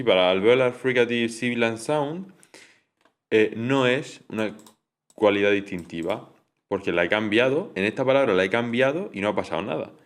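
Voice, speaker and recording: Hesitant young man explaining linguistics. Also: on the low side. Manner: hesitant, frequent fillers and restarts, mixes English terms. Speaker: student explaining coursework. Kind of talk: informal study explanation.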